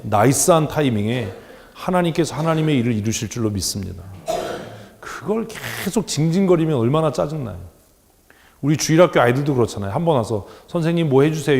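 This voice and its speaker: A lively, gravelly-voiced male pastor preaching. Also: mid-range voice. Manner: animated and joking, acting out quoted voices. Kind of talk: sermon. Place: church sanctuary. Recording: church hall with long reverb.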